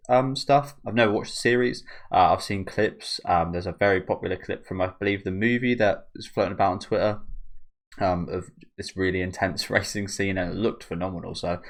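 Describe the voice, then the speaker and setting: A man giving casual, rambling reaction commentary as the host of a video channel. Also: sits low.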